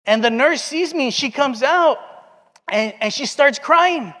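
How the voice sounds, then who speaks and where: A man's voice: very high voice, expressive, unhurried, pushed and bright. A man in his forties, preaching a sermon and telling a personal story in an earnest way, acting out the quoted dialogue. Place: church sanctuary. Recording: long hall reverb.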